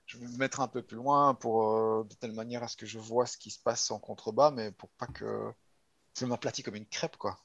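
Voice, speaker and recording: A man's voice: mid-range voice, fairly even intonation, normal speed, gravelly, no room sound, dull audio. A man chatting casually as a player in a tabletop game, colloquial and blunt.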